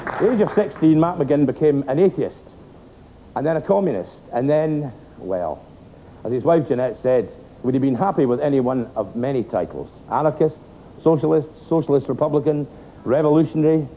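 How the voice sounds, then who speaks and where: A man's voice: fairly high pitch, animated, brisk, highs cut off, slight background noise. A man narrating a story in a dry, wry way.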